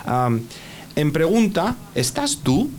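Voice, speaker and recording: A man's voice: on the high side, sing-song, takes it slowly, darkish tone, slight background noise. A man teaching an English lesson in Spanish on the radio, patiently spelling out words and checking with "ok?".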